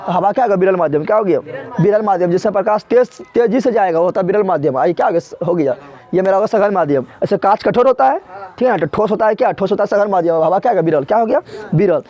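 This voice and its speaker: A man's voice: sits high, fast talker, a little mellow. A male physics teacher giving a revision lecture, asking questions and answering them himself, repeating each answer, in a rustic colloquial way with everyday village comparisons. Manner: call-and-response drilling, repeats each answer. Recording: dull lo-fi recording.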